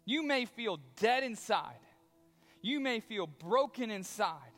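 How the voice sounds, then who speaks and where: A man preaching a sermon as a pastor, telling the story in a conversational, animated way. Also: high-pitched, takes it slowly, faint music behind. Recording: long reverb of a large hall.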